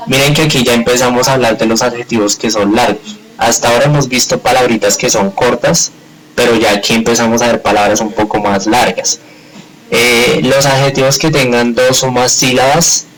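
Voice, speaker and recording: A man's voice: fairly low pitch, rough recording. A man teaching a live grammar class, explaining step by step in a patient way and checking often that students follow. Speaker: English teacher.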